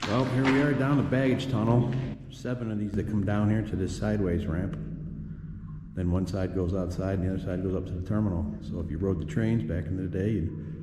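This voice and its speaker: Casual male explorer with a low voice, echoing like a cave in a damp tunnel, noise behind him. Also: fairly even intonation. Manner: loose, halting remarks with fillers. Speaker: urban explorer. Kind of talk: casual on-site exploring commentary. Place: flooded underground baggage tunnel.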